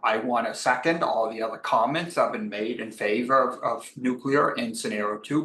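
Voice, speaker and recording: A man's voice: medium pitch, a bit bright. A man giving an earnest, hesitant public comment over a group voice call, with frequent ums and uhs. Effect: voice coming through a group voice call. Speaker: public commenter at a board meeting. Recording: echoey remote call audio.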